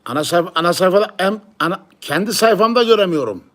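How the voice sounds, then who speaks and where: A man with a fairly high voice in a casual chat. He explains what he is doing step by step, going back over the same points in short repeated phrases. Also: animated, quick pace, fairly bright tone. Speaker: pigeon live-stream channel owner.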